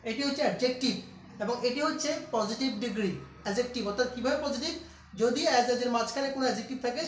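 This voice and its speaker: A man teaching an English grammar lesson, repeating key steps and asking his students questions. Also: very high voice. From Bangladesh. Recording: echoey room, distant mic.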